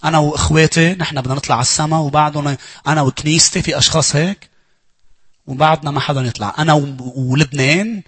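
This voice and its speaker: Fast, husky-voiced Lebanese man preaching. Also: dry recording. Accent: Lebanese Arabic. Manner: animated, swings between loud urging and low asides. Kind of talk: sermon.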